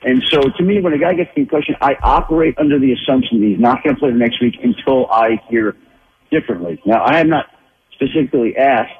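A man's voice: mid-range voice, lively intonation, fast talker, husky. A man calling in as a football insider, thinking aloud with lots of restarts and repeated words. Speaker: NFL insider guest. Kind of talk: phone-in sports analysis. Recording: tinny phone line.

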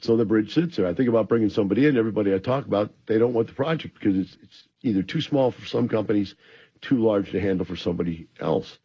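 Groggy low-voiced male radio host. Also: quick pace, warm tone, breathy edge, lo-fi sound. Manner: explanatory, addresses listeners directly. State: a little groggy from antihistamines. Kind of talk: rambling radio talk monologue with advice.

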